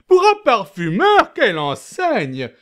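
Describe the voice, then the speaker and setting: A man's voice: a little high, expressive, unhurried. A man performing a proud, mocking poet-duelist in theatrical verse, declaimed grandly like a hammy stage actor. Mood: gushing, lyrical.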